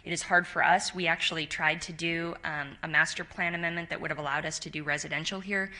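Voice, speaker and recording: Woman, low pitch, bright tone, measured formal presentation, conciliatory. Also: steady tone. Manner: measured, conciliatory, with frequent fillers. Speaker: applicant's representative. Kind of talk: formal presentation at public hearing. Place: county commission meeting chamber.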